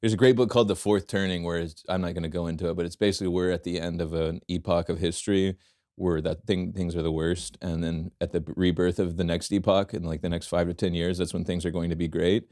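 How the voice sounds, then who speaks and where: A man's voice: deep voice, level tone, fast, dark tone, no room sound, studio quality. A young man hosting a podcast in casual chat, laid-back, swearing freely and laughing along with his guest. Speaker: podcast host.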